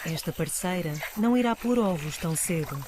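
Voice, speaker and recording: A woman with a European Portuguese accent reads scripted nature documentary narration in a measured, articulate storytelling manner. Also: lowish voice, lively intonation, darkish tone, a little hiss or hum. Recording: music bed under voice. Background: music.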